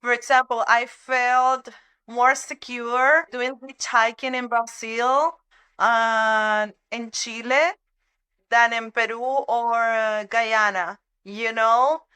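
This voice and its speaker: A woman's voice: a little high, fairly even intonation, slow pace, sharp tone, clear, resonant tone. A young woman with a Venezuelan Spanish accent, a podcast guest speaking English as a second language and sometimes searching for words. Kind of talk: conversational interview.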